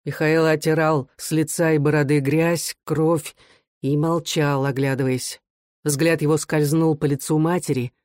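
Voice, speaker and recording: A man narrating a novel in a measured, expressive way, as an audiobook reader. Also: on the high side, no echo, clean studio sound. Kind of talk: dramatic literary narration.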